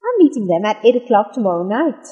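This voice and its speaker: A woman with a husky, breathy voice pitched a little high reads practice dialogue lines with a lively, rising and falling melody. Her delivery is slow and carefully enunciated, and a long reverb trails behind each phrase. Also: lo-fi sound. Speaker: dialogue reader in an English lesson. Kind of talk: scripted dialogue reading.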